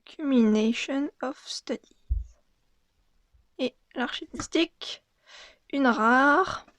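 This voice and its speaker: A young woman with a high, light voice murmurs her way through an unboxing, often slipping into a half-whisper. She talks slowly and unhurriedly. The sound is close and completely dry, with no room around it. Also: dry recording. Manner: soft, murmured card reading with frequent half-whispers. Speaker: card unboxing vlogger.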